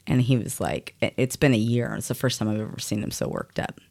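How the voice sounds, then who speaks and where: A woman from Puerto Rico chatting casually on a podcast, animated and fond of acting out what other people say. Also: rumbling low, a little fast. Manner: animated, acts out quoted voices, laughs often. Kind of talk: casual chat.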